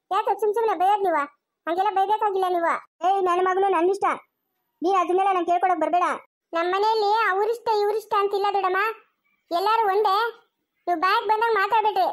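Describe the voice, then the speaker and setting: A woman with a Karnataka Kannada accent acting in a village family drama, scolding and arguing. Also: extremely high pitch. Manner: scolding, shifting between coaxing and shouting.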